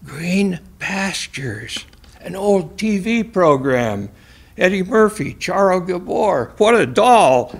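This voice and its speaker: A man's voice: high voice, very animated, slow pace, creaky, voice pushed up, heavily acted. A man reading aloud and voicing a blunt, teasing old man who speaks in cryptic riddles. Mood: offhand. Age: older. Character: cryptic, prickly old man, former classmate.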